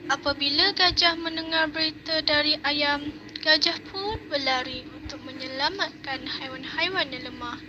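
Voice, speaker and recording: A young woman, narrating a puppet show in a steady storytelling manner. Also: high voice, normal speed. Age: young adult. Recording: dull noisy home recording.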